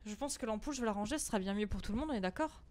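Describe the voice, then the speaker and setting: A woman's voice: mid-range voice, animated, very fast, darkish tone. A young woman giving nervous, jumpy let's-play commentary on a horror game, swearing and laughing anxiously. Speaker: gaming streamer.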